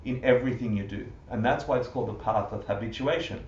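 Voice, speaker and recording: A man teaching a Buddhist class live to an audience, animated, full of rhetorical questions and often laughing. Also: medium pitch, quick pace, slight background noise. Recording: roomy, distant, muffled livestream audio.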